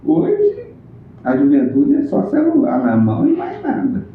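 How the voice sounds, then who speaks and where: A man, recalling local history in a plainspoken, unhurried casual interview. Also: very high-pitched, wildly swooping pitch, a little hiss or hum. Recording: echoey room on a tinny phone-like line.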